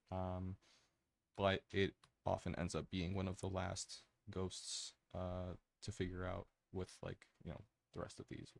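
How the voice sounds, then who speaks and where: Low, gravelly man, casual ASMR commentary. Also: darkish tone, dry recording. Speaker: gaming commentator.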